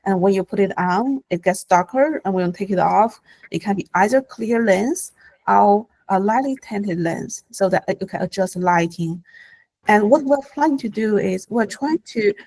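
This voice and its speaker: A woman's voice: mid-range voice, lively intonation, a little mellow, low-quality recording. A woman presenting her company's product in a webinar, answering questions with frequent fillers and restarts. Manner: halting, many fillers and restarts. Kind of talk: live webinar Q&A.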